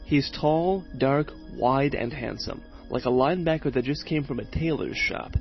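A man's voice: medium pitch, normal speed, vocal fry, dull audio, faint music behind. A male radio reporter telling a feature story and interviewing people, with a wry, conversational delivery.

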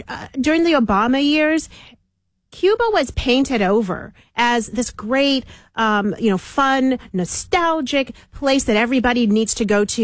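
A woman's voice: fairly high pitch, no echo. Emphatic woman talk show host. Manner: emphatic, persuasive.

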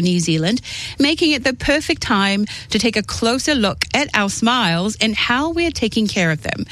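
A woman's voice: fairly high pitch, fairly bright tone, poor audio. A woman presenting a radio show from the studio, upbeat and welcoming as she interviews a guest. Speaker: radio host.

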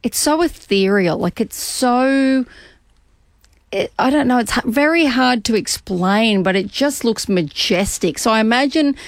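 A woman's voice: fairly high pitch, animated, measured pace, dry recording, studio quality. An Australian woman co-hosting breakfast radio, enthusiastic and gushing in her banter.

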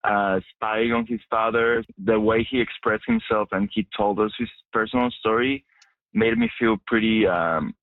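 A man's voice: on the low side, lively intonation, moderate pace, dry recording. A young man from Mexico, a journalism student, answering radio interview questions with many fillers and restarts. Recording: dry, tinny phone-like line.

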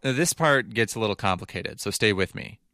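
A man's voice: lowish voice, animated, brisk, sharp tone, no echo, clean studio sound. A man narrating a scripted news feature in a conversational, explanatory way. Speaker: reporter narrating.

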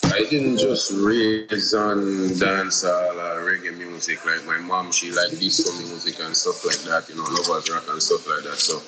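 A man's voice: deep voice, flat delivery, moderate pace, few pauses, music in the background, low-quality recording. A man from Jamaica with a Jamaican accent, a singer talking casually in an interview, rambling with lots of "you know"s. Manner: laid-back, rambling, many "you know"s.

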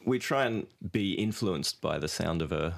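Man, very deep voice, band member guest, casual, laughs a lot. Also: expressive, moderate pace, creaky. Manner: laughs often, loose and jokey. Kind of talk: casual interview chat.

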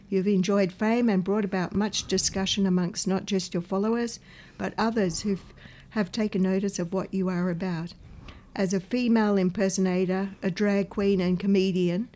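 Mellow-voiced woman radio host. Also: mid-range voice. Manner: friendly, encouraging, reads a prepared intro. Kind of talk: radio interview.

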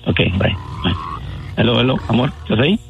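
A man's voice: mid-range voice, big pitch swings, fairly quick, gravelly, muffled recording, soft background music. A man calling his fiancée on air, easygoing and sweet-talking, a bit hesitant. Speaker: radio caller pranking his fiancée. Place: radio studio.

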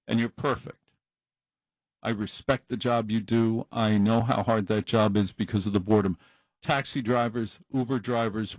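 Here a late-night call-in radio host, a middle-aged man, chats away in a meandering, self-deprecating monologue at the studio mic. His voice sits on the low side, and the recording has no echo.

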